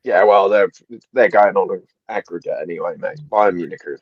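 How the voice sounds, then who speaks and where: A man's voice: sits low, a little fast, lo-fi sound, crowd noise. A man, co-hosting a football livestream with laddish banter, ending his lines with bro and mate. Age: 40s. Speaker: co-host. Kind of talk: casual livestream chat.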